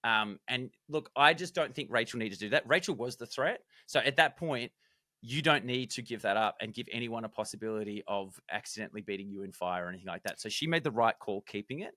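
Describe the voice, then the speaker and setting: Bright, dry-voiced man analysing. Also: on the low side, a little fast, no room sound. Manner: animated, explains strategy in detail. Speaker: podcast co-host, former contestant. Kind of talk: casual analytical chat.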